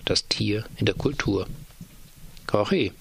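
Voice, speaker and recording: A man reading a story aloud in a dry, measured way. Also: fairly low pitch, creaky, a bit bright, breathy edge. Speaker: narrator. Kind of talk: audiobook reading.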